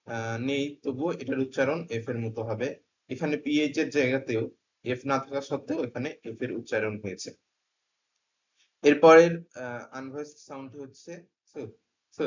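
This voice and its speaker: Man slowly sounding out English phonemes. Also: mid-range voice, a little mellow. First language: Bengali. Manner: sounds out each phoneme and example word separately. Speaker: English pronunciation teacher. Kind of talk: slow, deliberate pronunciation lesson. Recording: dull, lo-fi recording.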